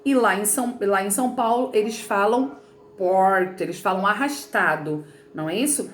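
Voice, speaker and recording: A woman's voice: medium pitch, brisk, echoey room, slight background noise. A woman teacher from Rio de Janeiro with a Carioca accent, explaining a textbook lesson in a chatty way and often checking in with her students. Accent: Carioca Portuguese. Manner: chatty, explanatory, frequent "né" and "tá bom". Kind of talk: remote lesson reading from a textbook.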